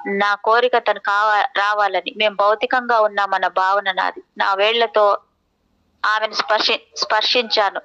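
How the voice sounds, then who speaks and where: Woman reading a novel out loud, slow and thoughtful, clear smooth voice, bit muffled audio. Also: mid-range voice. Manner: measured, reflective, poetic phrasing. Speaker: audiobook narrator. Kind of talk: first-person novel reading.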